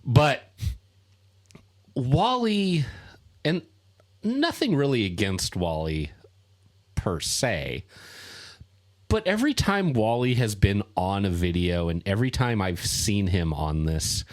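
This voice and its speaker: Man, podcast co-host, casual chat, halting, lots of fillers, very lively intonation. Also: lowish voice. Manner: halting, full of fillers and restarts.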